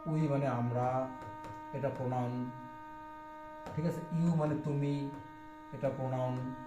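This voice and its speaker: A man's voice: mid-range voice, steady tone, measured pace, echoey room, music in the background. Bangladeshi man drilling a lesson. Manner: repetitive, drills phrases over and over. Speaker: teacher. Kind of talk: classroom-style English lesson in Bengali.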